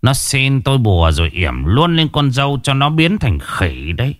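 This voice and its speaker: A man voicing a calm, weary older village sorcerer who speaks in a measured, lecturing way. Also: medium pitch, no echo, studio quality, voice pushed up, lightly acted. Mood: grave.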